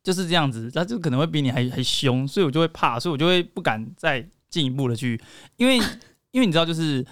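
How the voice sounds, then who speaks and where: A man's voice: on the high side, lively intonation, fast, smooth, no room sound. A young man co-hosting a casual chat, joking and rambling with frequent laughs. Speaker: podcast co-host.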